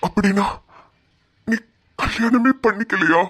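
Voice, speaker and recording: Husky woman in a lilt. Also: medium pitch, a little slow, fairly bright tone. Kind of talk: cartoon voice acting.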